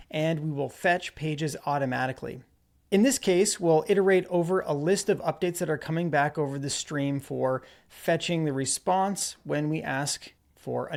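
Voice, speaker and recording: A man giving a relaxed screen-recorded coding walkthrough, narrating as he types. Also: fairly high pitch, creaky. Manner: relaxed explanatory, narrates while typing. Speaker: developer presenter.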